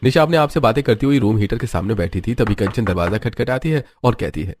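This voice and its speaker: A man's voice: lowish voice, fast talker, darkish tone. A man narrating a cartoon story in a plain, scripted storytelling style.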